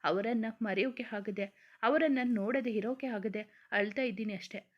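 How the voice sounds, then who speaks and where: A woman's voice: mid-range voice, moderate pace, lightly acted. A woman voicing a heartbroken, tearful young man in a storybook reading, in a pleading tone. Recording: dull lo-fi recording.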